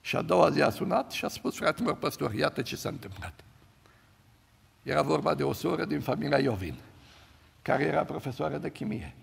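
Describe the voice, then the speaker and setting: Older male pastor, gravelly husky voice, church hall reverb. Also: fairly high pitch, lively intonation. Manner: storytelling, swings from loud to hushed. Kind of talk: sermon.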